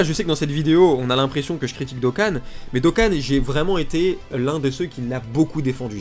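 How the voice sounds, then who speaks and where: A man with a blocked, nasal, congested voice, giving blunt, casual, unscripted gaming commentary. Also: mid-range voice. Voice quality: nasal, blocked-nose sound. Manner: blunt, informal griping. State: congested from pollen allergy. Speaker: gaming video creator. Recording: music behind the voice. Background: music.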